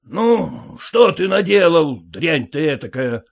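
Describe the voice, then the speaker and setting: A man's voice: a little high, animated, unhurried. A man doing a blustering, outraged father. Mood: indignant outrage. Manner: exclamatory, shouting in outrage. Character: irate middle-aged father, blustering and indignant.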